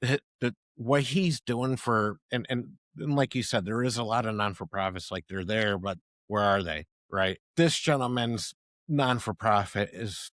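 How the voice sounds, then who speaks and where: A man's voice: lowish voice, a little slow, no room sound. Rambling, enthusiastic male podcast host. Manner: rambling, restarts, enthusiastic shout-outs. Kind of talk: conversational podcast interview.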